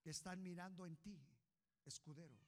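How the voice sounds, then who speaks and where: A man preaching a sermon as pastor, impassioned, swinging from hushed asides to shouts. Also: high-pitched, moderate pace. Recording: long hall reverb.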